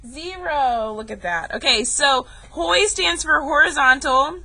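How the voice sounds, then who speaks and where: A woman's voice: high voice, animated, measured pace, vocal fry, bright, forceful tone, rough recording. A young woman teaching a math class, chatty and joking, calling her students y'all. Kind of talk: recorded classroom lesson.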